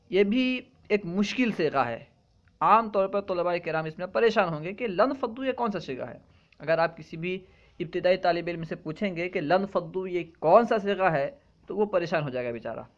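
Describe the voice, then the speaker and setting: A man's voice: sits high, fairly bright tone. A man teaching a lesson in a patient, explanatory way, often checking in with his students. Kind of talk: classroom lecture. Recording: dull lo-fi recording.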